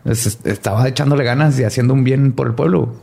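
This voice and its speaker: A man's voice: medium pitch, fast, creaky, warm tone. A young man co-hosting a podcast, joking in a mock-serious, playful way. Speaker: podcast co-host. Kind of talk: casual chat.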